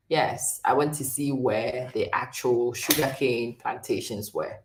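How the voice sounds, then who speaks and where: A woman's voice: a bass voice, dark tone. A middle-aged woman from Ghana hosting a chatty live stream, talking directly to viewers and often laughing. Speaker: host.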